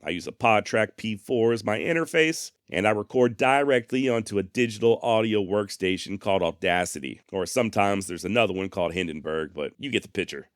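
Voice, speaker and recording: Talking straight to his audience, a deep-voiced podcast host speaks a little fast with hardly any pauses, his manner plainspoken, emphatic and a bit salty. A close, processed dynamic studio microphone captures him with no room sound at all.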